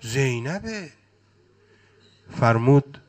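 A man's voice: mid-range voice, very animated. A man preaching a mourning sermon, reciting phrases in a chanting cadence. His delivery is impassioned, swelling and dropping with emotion.

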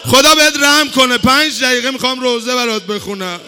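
A man leading a religious mourning gathering, moving between quick spoken asides and slow sung lament lines and urging his listeners to weep. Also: very high-pitched, fairly even intonation, bright, forceful tone.

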